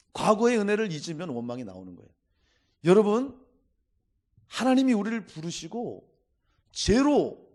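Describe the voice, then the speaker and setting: Lively, emphatic male pastor preaching. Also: high voice. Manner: emphatic preaching with repeated calls to the congregation. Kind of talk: Sunday sermon.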